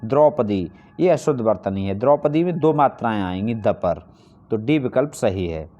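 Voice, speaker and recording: The recording is muffled, but the man's fairly low, dark, expressive voice comes through at a normal speed as he teaches Hindi spelling for exam prep online. He breaks each answer down step by step, raises questions he then answers, and repeats key points for emphasis.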